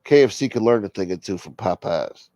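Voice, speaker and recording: A man hosting a show, delivering a crude, deadpan comic monologue. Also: lowish voice, a little fast, no room sound, studio quality. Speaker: show host. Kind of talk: rambling comedic monologue.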